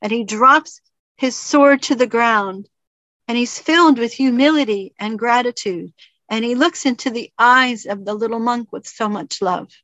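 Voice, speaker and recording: A woman's voice: fairly high pitch, a little slow, fairly bright tone, dry recording. A woman minister giving a reflective sermon in an earnest storytelling manner. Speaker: spiritual minister and teacher. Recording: dull lo-fi recording.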